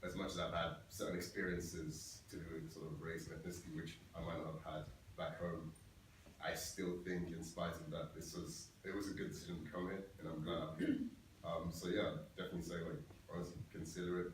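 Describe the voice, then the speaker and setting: Deep-voiced young man, far and echoey. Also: a little fast, a little hiss or hum. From Belgium. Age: young adult. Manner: relaxed, frequent fillers. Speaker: engineering student. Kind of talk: speaking to visiting schoolchildren. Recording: echoey room, voice from a distance.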